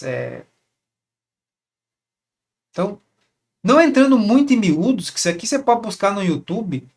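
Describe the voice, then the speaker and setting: A man, coaching couples on communication in a casual, conversational teaching monologue full of rhetorical questions. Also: a little high. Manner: conversational, repeats words, asks rhetorical questions. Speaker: relationship coach.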